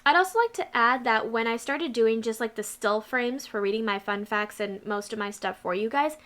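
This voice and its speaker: A woman's voice: fairly high pitch, normal speed, fairly bright tone. A woman hosting her own channel, chatting casually and rambling through a list of her past videos with asides. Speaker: channel host.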